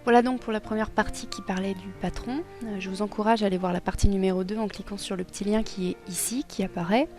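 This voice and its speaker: A young woman casually explaining a costume sewing project, hesitant and self-deprecating with many pauses and fillers. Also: medium pitch, steady tone, dark tone. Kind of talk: casual tutorial narration. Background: music.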